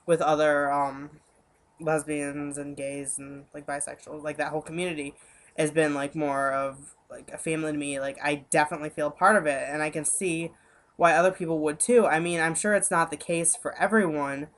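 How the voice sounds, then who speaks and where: A young man with a head cold who sounds congested, speaking in a hesitant, halting way full of fillers. He is talking earnestly about his personal feelings in a casual home webcam vlog. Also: fairly high pitch, fairly even intonation, a bit bright.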